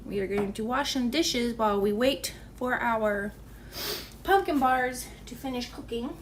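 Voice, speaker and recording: Slow-talking woman chatting in her kitchen. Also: on the high side, reverberant, recorded from a distance, a little hiss or hum. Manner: chatty, talks to her dog in a cooing voice. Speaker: home baking channel host. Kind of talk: casual chat while doing chores. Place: home kitchen.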